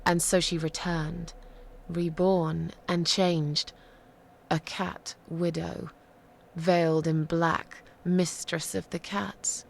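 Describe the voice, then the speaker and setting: An actress voices an eerie, sardonic woman recounting a grim legend in a lowish, very creaky voice, slow and deliberate, often dropping nearly to a whisper in dramatic horror fashion. Her delivery is flat and menacing, with faint noise in the background.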